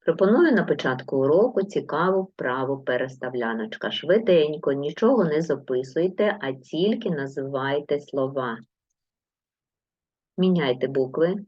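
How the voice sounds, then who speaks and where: A woman's voice: low-pitched, lively intonation, normal speed, breathy edge, no room sound, dull audio. A woman teacher giving a video lesson to young pupils, patient and encouraging as she gives instructions. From Ukraine. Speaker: primary school teacher.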